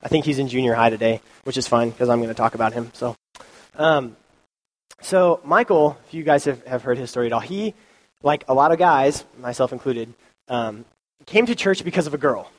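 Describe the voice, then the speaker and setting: Speaking at a moderate pace in a medium-pitched voice, this sniffly young man delivers a laid-back youth sermon, chatty and loose with plenty of ums and likes. He uses a handheld or stand mic, and the recording quality is low.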